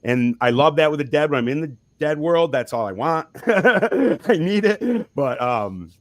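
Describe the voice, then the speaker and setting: Here a man with a medium-pitched voice speaks at a normal speed. He's a musician guest in a casual interview about his band, talking loosely with frequent restarts and little chuckles as he rambles.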